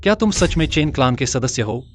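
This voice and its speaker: A man's voice: medium pitch, expressive, fairly quick, a little hiss or hum, lightly acted. A man voicing a devoted young male clan heir in a dubbed short drama, earnest and protective. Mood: indignant.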